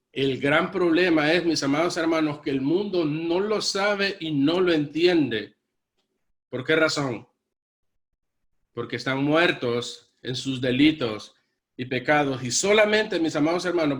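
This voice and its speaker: A man preaching a sermon as pastor, earnest, repeatedly addressing his congregation as brothers. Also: a little high. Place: church.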